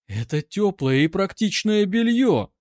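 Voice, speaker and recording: A man voicing a defiant young female Red Army soldier who shouts her indignation in a raised, strained voice. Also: sits high, very animated, a little slow, no echo, studio quality, voice pushed up. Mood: defiant, shrill.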